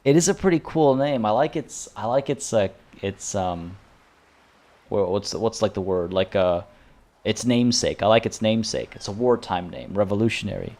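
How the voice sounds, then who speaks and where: Live-streaming a video game, a man speaks at a moderate pace in a lowish, darkish, expressive voice. He rambles to his viewers, going off on tangents and restarting a lot, and notes he's losing his voice.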